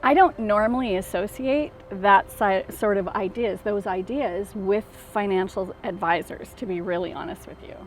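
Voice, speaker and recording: A woman's voice: medium pitch, moderate pace, hardly any pauses, a little hiss or hum. A woman hosting an interview, friendly and encouraging, with short affirmations. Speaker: interviewer, host. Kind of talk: casual interview chat.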